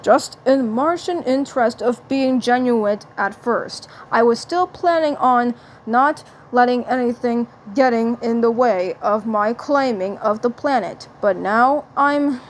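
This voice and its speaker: A woman voicing a pompous male Martian who calls himself a gentleman, in a prim, haughty, deliberate manner, reading a fan story. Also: a little high, a little hiss or hum, natural voice.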